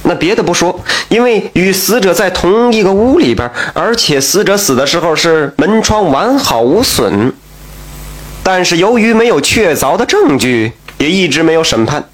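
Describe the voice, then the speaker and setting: Man, storyteller, fairly high voice, very lively intonation, chatty asides. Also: moderate pace. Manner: chatty asides and exclamations, animated. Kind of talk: colloquial folk-tale storytelling.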